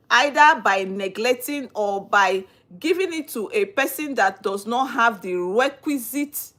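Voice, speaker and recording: A young adult woman from Nigeria with a fairly high, somewhat bright voice and a Nigerian accent hosts a legal-topics live stream. Replying to viewer comments, she greets viewers by name and puts earnest rhetorical questions to them.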